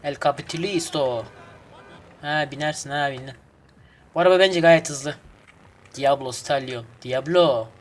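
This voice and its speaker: A man casually commenting on his game as he plays, excitable and swearing at the traffic. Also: on the high side. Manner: excitable, swears and grumbles at traffic, hums snatches of folk song. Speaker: gaming channel host. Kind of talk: casual let's play commentary.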